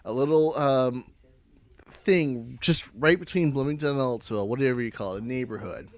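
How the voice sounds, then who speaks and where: A man's voice: medium pitch, moderate pace, dry recording. An American man telling a casual, rambling story to friends while drunk, swearing and repeating himself as he goes. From Indiana, United States.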